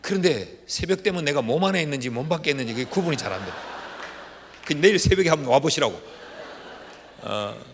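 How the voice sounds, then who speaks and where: Middle-aged pastor guy preaching revival style, chatty stories then loud, echoey big church hall. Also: fairly high pitch, lively intonation, fairly quick, long pauses. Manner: folksy storytelling, swings from hushed asides to shouted exhortation. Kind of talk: revival sermon. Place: large church sanctuary. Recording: reverberant church hall with faint room noise.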